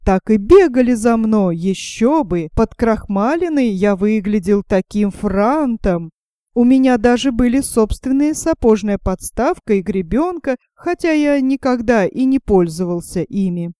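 A vain male shirt collar, full of himself, drawls his slow, swooning flattery in a storybook reading, voiced by a woman. The voice is mellow and sits a little high, and the recording is dry and close. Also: smooth, no echo. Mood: boastful.

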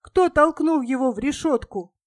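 A woman voicing a gruff, impatient male policeman who talks in a curt, scolding way. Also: high-pitched, normal speed, no echo, clean studio sound, close to an everyday voice. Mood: questioning.

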